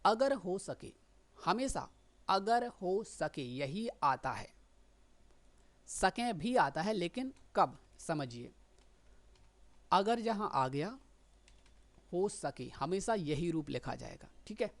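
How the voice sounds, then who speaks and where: A woman's voice: fairly low pitch, very animated, takes it slowly, long pauses. A woman teaching shorthand, explaining patiently and often checking that listeners follow. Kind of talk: explanatory lesson.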